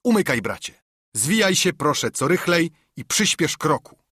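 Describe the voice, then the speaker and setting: A proud, unbending ship captain, put on by a male reader, who gives orders in clipped, scornful lines. His voice is husky and sits close to the mic. It is storybook narration with firm authority. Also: a little high, big pitch swings, normal speed, fairly bright tone, no room sound, pitched above the performer's own voice, heavily acted. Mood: defiant. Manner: commanding, curt, scornful. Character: stern, proud naval ship captain, unyielding man.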